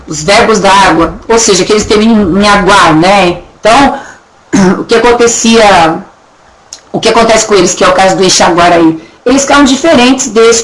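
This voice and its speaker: A woman teaching a recorded Portuguese grammar lesson with a Brazilian accent, chatty, checking in often with her students and slowly stretching words to show how they are pronounced. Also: mid-range voice, rough recording. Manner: drags words out slowly to demonstrate pronunciation. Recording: faint background noise and clicks.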